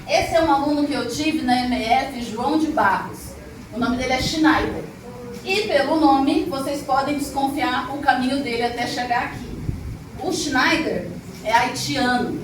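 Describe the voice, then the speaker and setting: A middle-aged storyteller and arts teacher tells stories expressively and chats directly with a live audience in an echoey room. Her voice sits high and runs a little slow, picked up by a distant mic amid noisy ambience.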